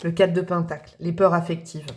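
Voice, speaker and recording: A woman's voice: on the low side, little pitch movement, brisk, background noise. A woman giving a casual tarot reading, talking straight to her viewers and thinking aloud as she goes. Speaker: tarot reader.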